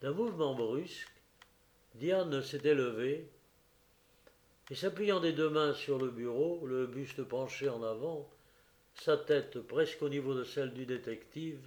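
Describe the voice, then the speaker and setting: A man narrating a classic novel as an audiobook in a slow, measured storytelling manner. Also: mid-range voice, darkish tone, roomy sound.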